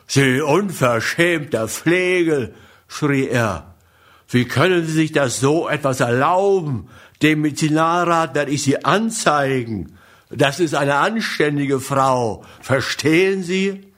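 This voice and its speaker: A man voicing an indignant police sergeant who shouts and blusters at a prisoner. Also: medium pitch, animated, very slow. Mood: outraged.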